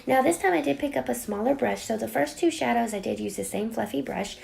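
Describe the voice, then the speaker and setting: Raspy, playful woman with a cold. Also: fairly high pitch, brisk, a little mellow. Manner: playful, dramatic, drops into whispers for emphasis. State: getting over a cold. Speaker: beauty vlogger. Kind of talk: casual makeup tutorial chat.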